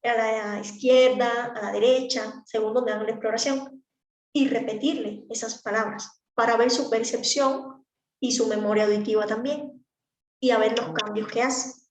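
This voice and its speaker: A woman's voice: fairly high pitch, reverberant. A woman teaching speech therapy to a class, explaining practically with examples. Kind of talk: online class lecture.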